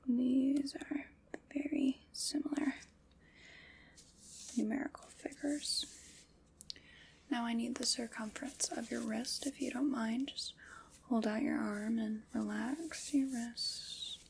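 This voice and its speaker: An ASMR roleplay creator plays a calm, polite woman fitting and measuring armor, whispering softly and slowly in a gentle, attentive mood. Her breathy whisper is a little high, with a gravelly edge on voiced words. A faint hiss sits in the background.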